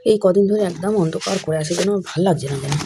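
Hoarse woman cooking at home. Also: fairly low pitch, quick pace. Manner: talks to herself while cooking, thinking aloud. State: hoarse, voice gone. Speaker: village housewife vlogger. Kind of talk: casual cooking vlog chat. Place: home kitchen. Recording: noisy home recording.

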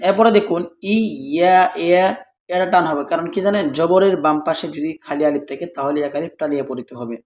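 A man teaching correct Quran recitation, reciting verses slowly syllable by syllable and explaining the pronunciation rules. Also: a little high, a little mellow, reverberant.

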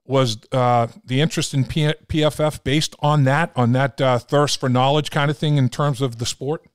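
A man's voice: mid-range voice, fairly even intonation, clean tone, dry recording. Older male podcast host, dry sound. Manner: affirming, quick encouraging interjections. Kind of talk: casual interview.

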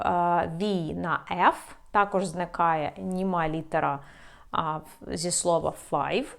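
A woman teacher explains a lesson in an unhurried, deliberate way, her pitch moving up and down a lot as she stresses each word. She drills single English words one at a time, clearly and carefully. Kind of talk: online language lesson.

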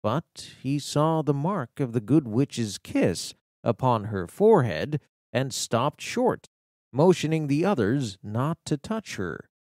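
A man's voice: medium pitch, dry recording, clean studio sound. A man reading a children's fantasy story aloud as an audiobook narrator. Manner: slow, animated storytelling. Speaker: audiobook reader.

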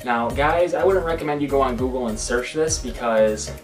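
Young male vlogger, casual deadpan ramble, mid-pitched, echoey room with the mic set back. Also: moderate pace, over music. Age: young adult. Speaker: vlogger and prank caller. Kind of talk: casual prank call and vlog chat. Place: small room indoors at home. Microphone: camera a few feet away. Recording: roomy echo, distant microphone.

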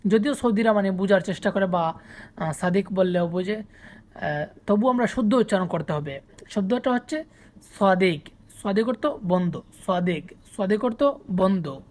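A woman from Bangladesh teaching a vocabulary lesson, saying each word slowly and repeating it with its meaning. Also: mid-range voice, darkish tone. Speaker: language teacher.

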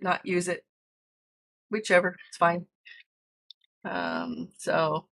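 This American woman hosts a relaxed cooking livestream from her kitchen at home, explaining every step as she cooks and chatting with viewers while answering the chat. Her voice is fairly low and creaky, with a slightly bright quality.

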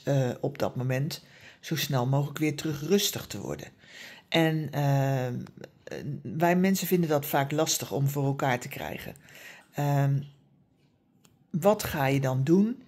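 A woman who specialises in dog behaviour gives calm, patient training advice, with many fillers and frequent tag questions. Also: low-pitched, measured pace, long pauses. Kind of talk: explanatory advice talk.

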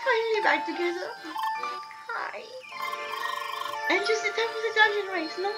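A woman voicing an excitable young French girl with a put-on French accent, high and gushing. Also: moderate pace. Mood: eager. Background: loud game music.

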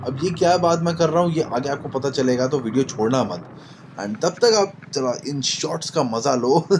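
A man speaks from inside a full-face helmet, his voice muffled by it. He rattles along at a very rapid clip with a middling pitch, excitedly mixing Hindi and English like a casual vlogger. Steady traffic noise sits clearly behind him. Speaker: vlogger reviewing a motorcycle helmet. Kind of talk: casual product-review vlog.

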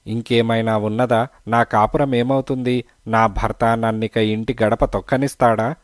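A man's voice: medium pitch, level tone, moderate pace, no echo, clean studio sound, natural voice. A man reading the part of a frightened young married woman in an audiobook, telling her story in a sorrowful, hesitant way.

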